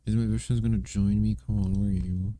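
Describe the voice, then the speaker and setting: A man's voice: lowish voice, flat delivery, fast, mellow, dry recording. A young man streaming, chatting casually and playfully to himself and his viewers while gaming and drawing. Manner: playful, rambling, talks to himself and chat.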